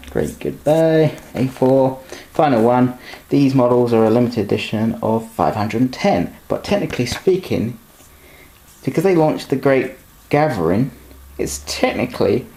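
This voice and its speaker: Handling model train pieces as he goes, a man talks casually through the unboxing, rambling and catching his own mistakes. He speaks at a medium pitch with a dark tone.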